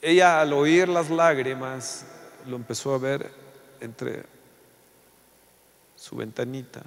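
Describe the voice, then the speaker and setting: A man preaching a passionate sermon, swinging between loud outbursts and hushed storytelling. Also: mid-range voice, steady tone, slow, in a large hall.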